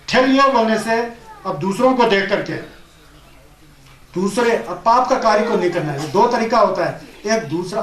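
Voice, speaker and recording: A man giving a Buddhist teaching, repeating points and asking rhetorical questions, with Tibetan terms mixed into his talk. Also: sits high. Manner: mixes Tibetan terms into Hindi. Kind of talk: Hindi dharma discourse. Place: teaching hall of a Buddhist centre. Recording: roomy echo.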